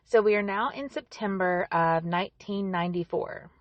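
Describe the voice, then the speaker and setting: A woman's voice: mid-range voice, normal speed, dry recording, muffled recording. A woman hosting a true-crime podcast, narrating a scripted story with conversational asides to the listener.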